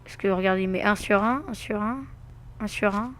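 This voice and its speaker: A man's voice: sits high, moderate pace, a bit bright. A man giving casual gameplay commentary, muttering to himself with asides and mild swearing. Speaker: let's play gamer.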